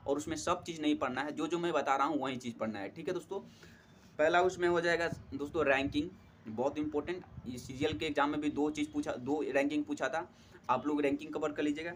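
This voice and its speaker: A man's voice: a little high, a little hiss or hum. A young man giving friendly, casual study advice as a tutor, often addressing listeners as friends and using many fillers. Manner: friendly, repeats "theek hai doston", many fillers. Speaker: exam prep tutor.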